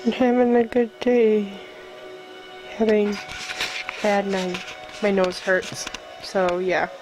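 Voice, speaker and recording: Over music, in a low-quality recording, a woman speaks slowly in a medium-pitched, level tone. The vlogger is at home and ill with a stuffy nose, her voice cutting in and out, chatting casually to camera in her daily vlog with frequent laughs at her own expense.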